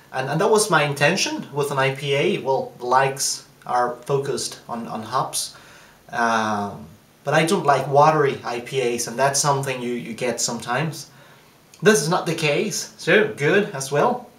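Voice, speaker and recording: A man giving a casual, thoughtful taste review of his own beer, pausing often with fillers and restarts. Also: medium pitch, a bit bright, reverberant. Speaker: home brewer.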